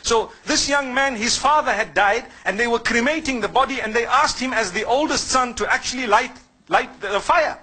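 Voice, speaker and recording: A man from Zimbabwe preaches with a bright, high voice that carries a husky edge. He talks to his listeners directly, asks them questions and answers each one himself. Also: normal speed, low-quality recording. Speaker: Islamic preacher. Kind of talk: sermon.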